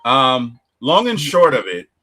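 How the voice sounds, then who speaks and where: Animated man recapping a movie. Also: mid-range voice, slow, soft background music. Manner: animated storytelling, acts out quotes from characters. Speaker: movie review podcast host. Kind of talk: casual movie recap chat.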